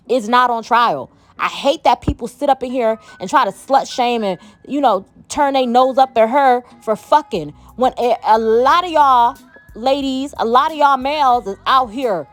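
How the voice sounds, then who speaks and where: A woman vlogger in a heated, profane commentary rant, talking emphatically. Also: high voice.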